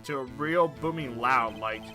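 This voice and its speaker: A man's voice: mid-range voice, a little slow, over music, lightly acted. A man voicing a brash, defensive young male witness while reading game dialogue aloud. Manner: defensive, whiny.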